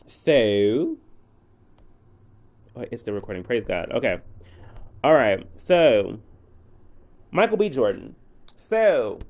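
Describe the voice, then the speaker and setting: A man with a mellow, warm voice hosts his own podcast alone. He rants bluntly and swears freely in casual commentary, keeping a middling pitch. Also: sing-song, takes it slowly, pauses often. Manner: profane, blunt ranting. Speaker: podcast host.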